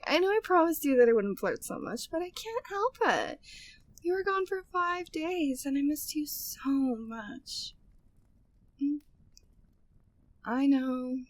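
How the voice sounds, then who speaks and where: In an ASMR audio drama, a woman with a high voice plays a flirty, devoted, gossipy maid at a manor. She speaks affectionately and teasingly in formal period wording, with a wistful, playful mood.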